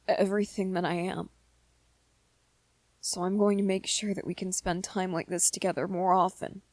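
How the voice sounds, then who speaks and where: In a romantic ASMR roleplay, a woman portrays a gentle young vampire man who is lovestruck, earnest, and hesitant, stammering slightly. Her medium-pitched delivery is lightly acted and free of echo.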